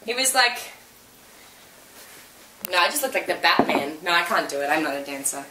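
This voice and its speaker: A woman's voice: on the low side, animated, moderate pace, background noise. A woman giving a casual, chatty review as co-host, in an emphatic, gushing way. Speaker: co-host reviewing a dance show.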